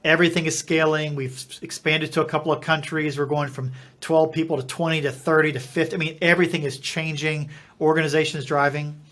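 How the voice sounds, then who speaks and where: A man's voice: a little high, flat delivery, brisk, fairly bright tone. A middle-aged man from Eastern Kentucky, a podcast guest and company founder, telling a personal story and acting out the dialogue, often restarting his sentences. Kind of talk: storytelling in an interview.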